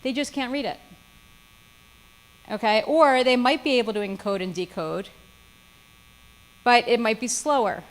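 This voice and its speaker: A woman's voice: on the high side, measured pace, long pauses, low-quality recording. A woman lawyer giving a seminar lecture, with frequent "okay?" check-ins and dry sarcasm. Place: seminar room.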